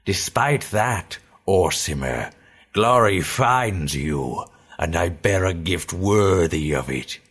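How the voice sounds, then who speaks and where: A sly, thin old stranger in a storybook reading, drawing out every word in a slow, coaxing way, as a deep-voiced male narrator puts him on. His tone sits very low and dark. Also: lively intonation, breathy edge, heavily acted.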